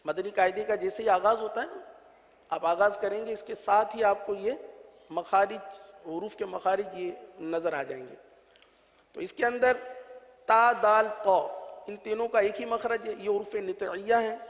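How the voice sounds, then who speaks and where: A man with a Pakistani Urdu accent teaching how to pronounce Quranic letters, patiently repeating each sound in long drawn-out syllables. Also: sits high. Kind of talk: religious letter-pronunciation lesson. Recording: long reverb.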